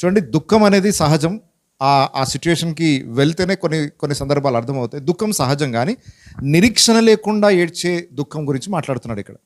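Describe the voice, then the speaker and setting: A pastor preaching a Bible-teaching sermon in a conversational way, asking many rhetorical questions and mixing in English words. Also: male voice, fairly high pitch, lively intonation, a little fast. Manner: mixes English words into his speech.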